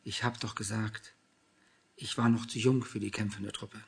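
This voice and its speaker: A man's voice: lowish voice, flat delivery, moderate pace, gravelly, husky, full character voice. A man voicing an elderly, courteous and curious male bookseller who asks polite, probing questions. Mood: unsettled.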